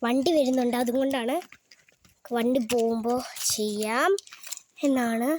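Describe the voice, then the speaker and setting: Walking by the road near her home on a windy day, a young vlogger and parent chats to viewers through a handheld phone. She calls them "guys" and pushes them to subscribe, speaking in a high voice with a darkish tone, and the audio has a little hiss or hum.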